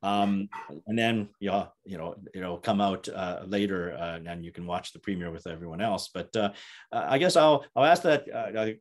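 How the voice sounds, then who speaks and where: A man with a fairly low voice moderates an academic talk. He restarts his sentences often and fills the gaps with "uh" and "um". His tone stays thoughtful and measured. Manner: halting, many restarts and "uh"s. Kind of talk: moderated panel interview.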